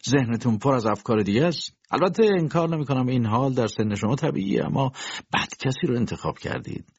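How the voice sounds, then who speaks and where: A man's voice: medium pitch, lively intonation, a little mellow, breathy edge, no echo, highs cut off, voice pushed up. A man voicing a sardonic older bachelor doctor who lectures mockingly, in an audiobook reading.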